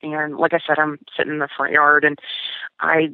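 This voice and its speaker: A woman's voice: low voice, monotone, moderate pace, vocal fry, clean tone, dry recording. A woman casually recounting a personal experience as a guest, talking with many fillers and restarts. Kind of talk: casual storytelling. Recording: tinny phone line, dry.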